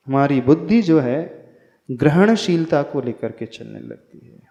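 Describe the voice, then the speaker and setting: Slow-speaking monk in an echoey hall. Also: male voice, fairly high pitch, darkish tone. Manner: slow and deliberate, chants verses and corrects pronunciation. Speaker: Jain monk teaching a hymn. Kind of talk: spiritual discourse and recitation lesson. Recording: echoey hall, dull lo-fi sound.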